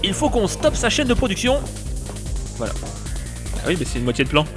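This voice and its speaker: A man's voice: sits high, huge pitch swings, fairly quick, fairly bright tone, exaggerated voice. A man voicing a chatty, clumsy male robot sidekick in an eager, jumpy fan dub over game music.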